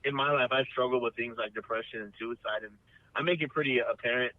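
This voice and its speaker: A man's voice: medium pitch, fairly even intonation, quick pace, dry recording. A man, a band member guest in a casual interview, talking earnestly and rambling with many restarts. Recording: dry, phone-like remote line.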